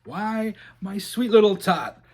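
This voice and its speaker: Man voicing the Grinch, slow and slyly gleeful. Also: high-pitched, a little mellow, breathy edge, pitched above the performer's own voice, heavily acted. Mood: fake sweetness. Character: sly, gleeful, mean grinch, a grumpy male creature scheming to steal Christmas.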